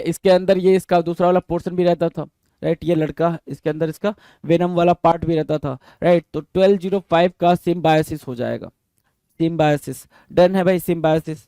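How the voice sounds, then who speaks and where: Guy teaching vocab, spells stuff out, keeps asking questions, highish voice, dry close sound. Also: mellow, no room sound. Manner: repetitive, quizzing students, spells words letter by letter; reads English definitions slowly. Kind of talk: exam-prep vocabulary lesson.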